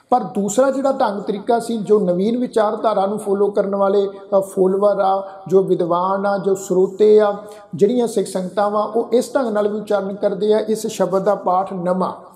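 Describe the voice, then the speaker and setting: A man teaching how to pronounce scripture. He patiently spells out each letter and vowel sign, then recites each verse line slowly and drawn out. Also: high-pitched, warm tone. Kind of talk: pronunciation lesson with slow chanted recitation.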